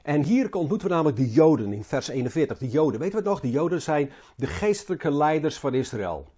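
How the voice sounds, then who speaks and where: Husky, mellow preacher. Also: male voice, fairly high pitch, sing-song. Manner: halting, repeats words, rises and falls in emphasis. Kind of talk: sermon.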